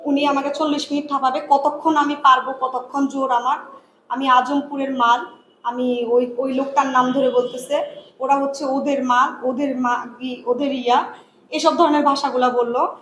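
A young actress giving an agitated, fast account with many restarts. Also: female voice, high voice, echoey room, slight background noise, poor audio. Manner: agitated, rapid retelling with self-corrections. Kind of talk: complaint in a news interview.

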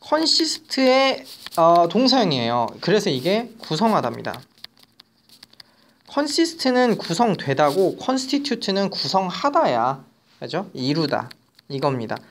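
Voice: mid-range voice, big pitch swings, measured pace. A teacher giving an online vocabulary lecture who mixes casual and polite speech and keeps checking in with students.

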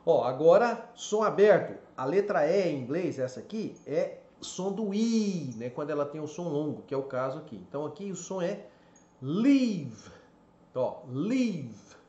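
A man from Brazil teaching an English lesson in a casual, explanatory way, stretching out example words slowly. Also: a little high, expressive, darkish tone. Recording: echoey room, slightly dull lo-fi sound.

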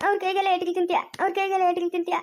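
A woman's voice: extremely high pitch, monotone, racing. A woman playing a harsh village mother who scolds her young son with repeated questions, in a family drama. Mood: scolding. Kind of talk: amateur family drama acting.

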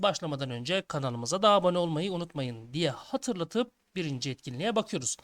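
A man teaching a schoolbook lesson for children, reading each task aloud and then explaining it to his young listeners. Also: high-pitched. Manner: addresses listeners as friends, reads tasks aloud then explains.

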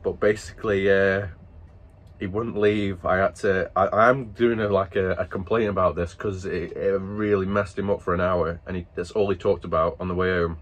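A man's voice: low-pitched, fairly even intonation, normal speed. A man casually telling a family story to camera, rambling and stop-start, breaking into laughter. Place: at work after dinner.

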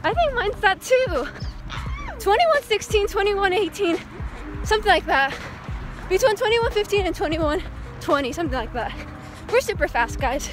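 Young female vlog host, high-pitched, talking casually on a jog, music underneath. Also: very animated, moderate pace, long pauses. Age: young adult. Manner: talking while jogging outdoors. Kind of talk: casual chat. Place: outdoors on suburban roads and paths. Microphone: phone at arm's length.

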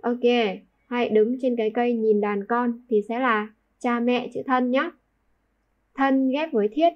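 A woman's voice: fairly high pitch, fairly even intonation, a little slow, lo-fi sound. A young woman teaching a kanji lesson, patiently repeating each word and asking the class to confirm. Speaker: Japanese teacher.

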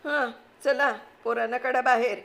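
A woman voicing a bossy middle-aged wife who scolds and commands her husband in a sharp manner, read from a storybook. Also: sits high, steady tone, moderate pace, vocal fry, pitched above the performer's own voice. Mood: scolding. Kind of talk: storybook reading.

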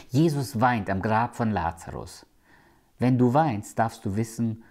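A man preaching a sermon. He speaks with emphasis, slows down to quote scripture and sometimes drops to a hushed tone. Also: medium pitch.

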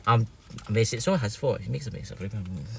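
Sitting in a parked car with audible background noise, a middle-aged Scottish vlog host chats with a friend on a casual livestream, full of jokey, teasing banter. He talks fast in a fairly low, gravelly, slightly bright voice.

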